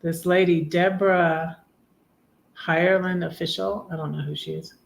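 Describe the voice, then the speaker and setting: A woman in her fifties chatting on a live stream, rambling with many pauses and fillers, sometimes singing a hymn line slowly. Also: lowish voice, steady tone, vocal fry. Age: 50s. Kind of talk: casual live chat.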